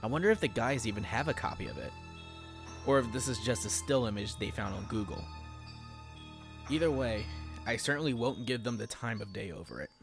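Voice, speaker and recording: A man's voice: mid-range voice, creaky. Dry, sarcastic male horror narrator. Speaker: creepypasta narrator. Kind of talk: scripted horror story narration.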